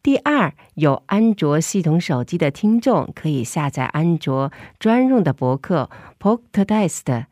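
A woman's voice: low-pitched, big pitch swings, a little slow, hardly any pauses, mellow, no echo, muffled recording. A woman hosting a radio programme in casual talk, speaking through a face mask. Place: recording studio.

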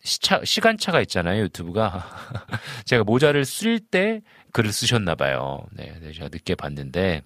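With wildly swooping pitch in a low voice, a pastor in his forties moves at a moderate pace with few pauses, recorded in studio quality and no echo. Hosting a live stream, he reads viewer comments aloud, chats casually, greets warmly, and chuckles often amid many fillers.

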